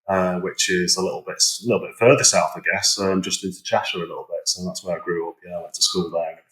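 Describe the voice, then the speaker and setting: A man's voice: deep voice, steady tone, racing, fairly bright tone. A middle-aged man from the area, a podcast guest talking hesitantly with many fillers and repeated words. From Manchester area, England. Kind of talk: casual interview chat. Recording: roomy echo.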